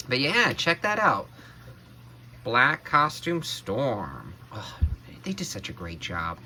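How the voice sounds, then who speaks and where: A man hosting a casual action figure review, excitable and exclaiming over every detail he shows. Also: mid-range voice, slight background noise. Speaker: toy reviewer, channel co-host.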